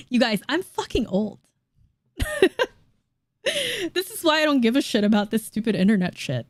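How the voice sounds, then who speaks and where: A woman in her late twenties reacting to online comments in a casual vlog, blunt and quick to laugh, swearing casually. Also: fairly high pitch, sing-song, no echo, clean studio sound. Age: late 20s. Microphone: dynamic studio mic.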